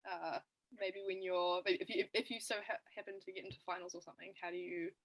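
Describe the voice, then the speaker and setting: A woman, a session participant asking questions in a halting, hesitant way over a video call. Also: on the low side, steady tone, dry recording, rough recording.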